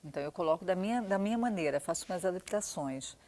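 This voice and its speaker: A woman's voice: lowish voice, expressive, fast talker, a little mellow. Thoughtful woman theater director. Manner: thoughtful, explanatory, with frequent restarts. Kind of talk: documentary interview.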